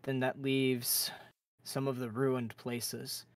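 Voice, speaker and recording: A woman's voice: very deep voice, level tone, slow pace, no echo. A woman running a game roleplay as game master, narrating and chatting casually with players.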